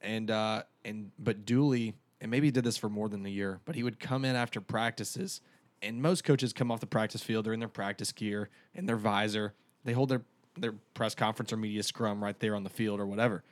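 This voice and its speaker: Low-voiced man reminiscing calmly. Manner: measured, reflective recollection. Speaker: sports reporter and co-host. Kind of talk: casual chat.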